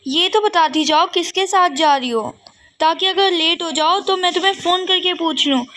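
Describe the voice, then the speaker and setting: A fussy, caring mother with a very high voice who checks up on her daughter, as a woman voices her in a doll game role-play. She asks her questions in a worried way. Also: normal speed, a bit bright, slight background noise.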